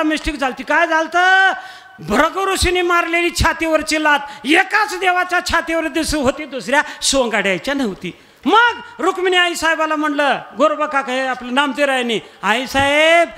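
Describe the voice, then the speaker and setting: A man's voice: very high-pitched, sharp tone. A man preaching a humorous devotional sermon, telling stories animatedly and breaking into sung verses. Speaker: kirtan preacher.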